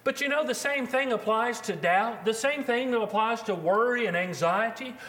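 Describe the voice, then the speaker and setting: High-voiced man preaching a sermon. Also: fairly bright tone. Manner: earnest, slows down for emphasis, quotes scripture.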